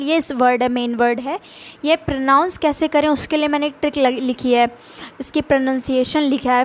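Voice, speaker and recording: A young woman with a high voice and an Indian English accent runs a vocabulary lesson. She reads each example sentence slowly, then explains it quickly in Hindi.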